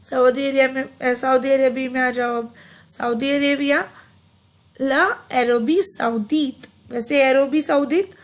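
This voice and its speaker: A woman giving a casual online French lesson, chatty and repeating each word slowly for pronunciation, mixing Hindi with English phrases. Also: high voice. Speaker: French teacher.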